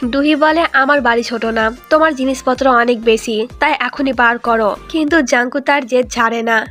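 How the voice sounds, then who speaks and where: Woman, high voice, drama recap narration, characters read in her own voice, soft music behind. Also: normal speed. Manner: retells the story, voicing every character's lines in her own voice. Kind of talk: scripted story narration.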